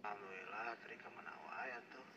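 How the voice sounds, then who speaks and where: A man, heard over a two-way radio speaker, chatting casually and relaxed with another radio amateur on the air. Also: fairly low pitch, fairly quick. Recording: distant noisy radio speaker.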